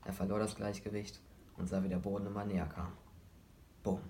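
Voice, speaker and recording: A man reading a story aloud in a steady, dramatic narrating manner. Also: lowish voice, brisk, slight background noise.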